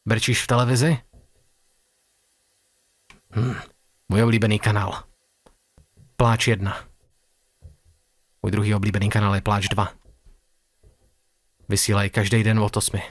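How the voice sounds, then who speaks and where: A man's voice: on the low side, level tone, long pauses, no room sound. A young man playing a horror game and talking to himself in nervous, joking commentary. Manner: talks to himself, jittery, joking. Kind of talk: nervous let's-play commentary.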